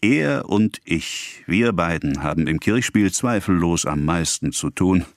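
Jovial old village priest, as a male reader puts him on, slow emphatic delivery, audiobook reading, somewhat deep, dry close sound. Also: expressive, dry recording.

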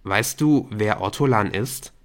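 A male narrator voices a wary teenage boy, close to his own natural voice. He speaks slowly and carefully, probing with measured questions. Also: on the low side, lightly acted. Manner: slow, cautious, probing questions. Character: guarded, uneasy teenage boy.

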